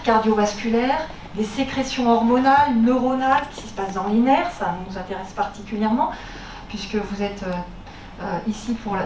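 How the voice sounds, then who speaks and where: A woman's voice: fairly high pitch, a little mellow. A woman giving a public lecture through a face mask, explaining step by step with hesitant rephrasing and frequent check-ins with her listeners. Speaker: lecturer on health, pain and diet. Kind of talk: spoken public lecture to an audience. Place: university lecture room. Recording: echoey room, distant mic, background noise.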